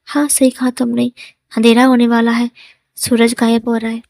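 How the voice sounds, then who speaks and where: A devoted young man, possessive and quick to jealousy, as a woman storyteller reads him. He answers in short, plain lines, in a fairly high voice recorded close and dry. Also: level tone, creaky, dry recording. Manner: short, quiet replies.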